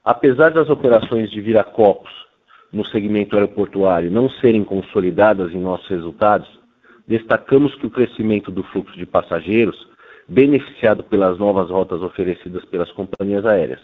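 A Brazilian man with a fairly low voice gives a prepared results presentation like a company executive. He is formal and measured. He comes through a narrow, tinny telephone line.

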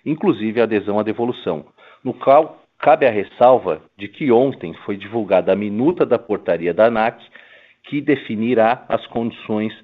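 Brazilian man, corporate finance executive. Lowish voice, formal scripted results presentation over a tinny phone line. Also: moderate pace. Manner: formal, businesslike. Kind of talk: prepared earnings call presentation. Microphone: telephone conference call.

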